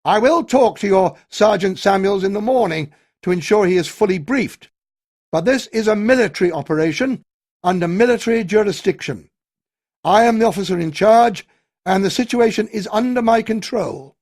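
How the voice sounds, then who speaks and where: Performing a tired but authoritative male army colonel, a man shouts over a crowd in clipped tones. The voice is high-pitched and animated, darkish in tone, pitched above his natural register, and moves at a moderate pace.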